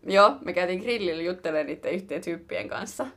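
A young woman co-hosting a podcast, chatting casually and telling stories with laughter and slangy swearing. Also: lowish voice. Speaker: podcast co-host. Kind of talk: casual chat.

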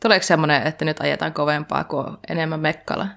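This podcast host talks in a loose, rambling way, often laughing at their own stories. The voice sits in a middle pitch and the delivery stays casual and chatty. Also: steady tone, vocal fry, fairly bright tone. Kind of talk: casual chat.

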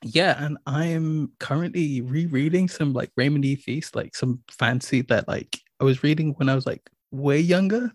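A man's voice: a little high, normal speed, hardly any pauses, no room sound, clean studio sound. A man co-hosting a casual gaming podcast, enthusiastic, with many restarts. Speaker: podcast co-host. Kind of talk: casual chat.

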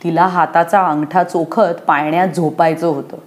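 Woman gently reading a children's story. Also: on the low side, fairly even intonation, moderate pace.

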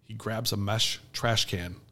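A man's voice: fairly low pitch, measured pace. A man co-hosting a podcast, telling a wild story in crude casual chat, laughing often and acting out what others said. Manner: animated, laughing often, crude, acts out others' lines loudly. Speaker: podcast co-host.

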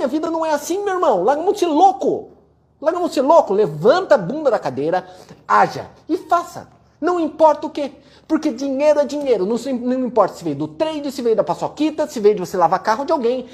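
A man giving a blunt, profane motivational rant while answering viewer questions, forceful and mocking toward complainers. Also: extremely high pitch. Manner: forceful, profane, mocks complainers in whiny voices.

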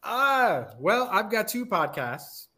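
A man's voice: sits high, big pitch swings, takes it slowly, bright, forceful tone. A man talking casually as a panelist on a podcast.

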